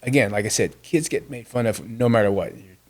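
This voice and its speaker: A man in his fifties, born in Vietnam with Vietnamese as his first language, shares a personal story as a podcast guest. His medium-pitched voice moves briskly, and he speaks earnestly, restarting often.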